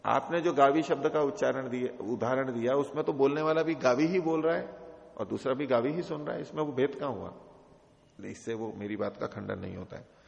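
A man with a gravelly voice gives a scripture commentary lecture. He recites Sanskrit slowly and then explains it step by step. The recording is dull and muffled, with a long reverb from a large hall. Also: mid-range voice. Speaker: Sanskrit philosophy teacher.

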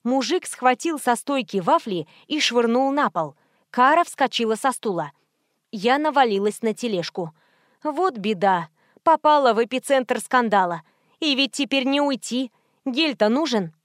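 A woman narrates a first-person audiobook with a lively, wry delivery. Her voice sits a little high and the recording is dry and close. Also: unhurried, no echo.

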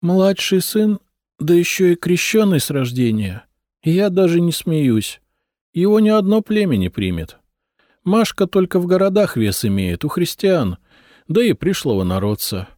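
A high, shrill princess, pleading in tears and then arguing back with defiance, as a male narrator puts her on in an audiobook. The voice climbs well above his own and jumps about in pitch, and the recording is dry and close. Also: big pitch swings, a little slow, darkish tone, no room sound. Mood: scornful. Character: tearful defiant young princess wife.

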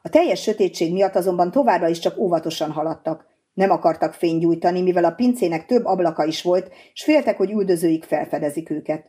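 A woman narrating an audiobook in an even, measured reading. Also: on the low side, breathy edge.

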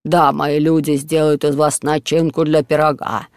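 Man doing a hoarse pompous old monk. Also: a little high, level tone, moderate pace, no echo, clean studio sound, lightly acted. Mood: grumbling. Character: hoarse pompous blustering older male monk.

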